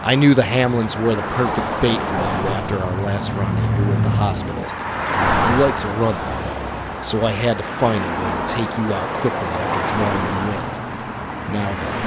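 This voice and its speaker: An actor playing a commanding, theatrical vigilante in an old time radio drama, speaking formally and pompously. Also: male voice, lowish voice, moderate pace, heavy background noise, lightly acted. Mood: triumphant, threatening. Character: commanding, theatrical male masked vigilante of 1920s. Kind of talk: 1920s-set old time radio acting.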